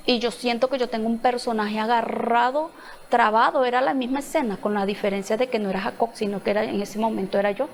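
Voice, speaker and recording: A woman with a fairly high voice shares an emotional testimony at a church service. She tells her story with feeling and gives voice to each person in it as she recounts their words. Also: steady tone, fast, vocal fry, noisy background. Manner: emotional storytelling, quoting dialogue. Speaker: testimony speaker.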